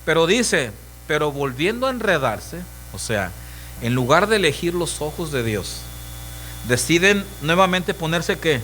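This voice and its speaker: A man's voice: on the high side, sing-song, unhurried, bright, forceful tone, slight background noise, poor audio. A middle-aged pastor with a Mexican accent preaching a sermon emphatically, asking his congregation questions and acting out voices. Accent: Mexican Spanish.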